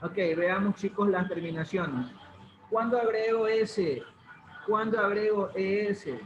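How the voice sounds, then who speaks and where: A high-pitched man explains grammar on a muffled video call, his voice bouncing around an echoey room. He is patient and repeats each rule. A faint hum sits underneath. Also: measured pace. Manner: patient, repeats points, prompts students. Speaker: English teacher. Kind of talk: online class, explaining grammar.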